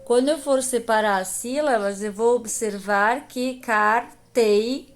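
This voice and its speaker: A woman's voice: on the high side, a little slow. A woman teacher with a Brazilian accent giving a recorded grammar lesson to young pupils, patiently stretching out the example words. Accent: Brazilian Portuguese. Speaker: primary school teacher.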